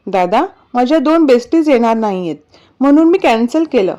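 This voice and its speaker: Woman voicing an excited spoiled little sister in a storybook reading, high and lively. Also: a little fast, dull audio, lightly acted. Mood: eager. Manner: eager, wheedling.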